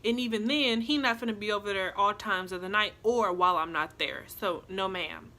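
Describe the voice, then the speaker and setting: Woman as strict no-nonsense mom, blunt and firm, bright voice. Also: mid-range voice, normal speed, voice pushed down. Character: strict no-nonsense mother laying down rules.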